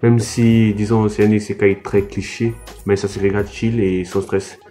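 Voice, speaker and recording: Young French male vlogger, casual anime review, halting delivery, low warm tone, soft music under. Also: little pitch movement. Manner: hesitant, many fillers and restarts. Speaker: anime YouTuber.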